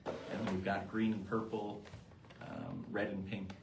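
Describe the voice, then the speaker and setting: A man's voice: on the low side, steady tone, measured pace, vocal fry, reverberant, a little hiss or hum. A man co-hosting a live product show, who explains each item in an easygoing way with frequent fillers. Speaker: co-host presenting eyewear.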